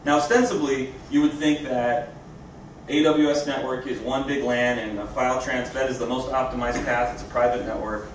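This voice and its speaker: A man's voice: medium pitch, fairly even intonation, normal speed. A man giving an informal, explanatory live product demo as a company presenter. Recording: echoey room, distant mic, clear background noise.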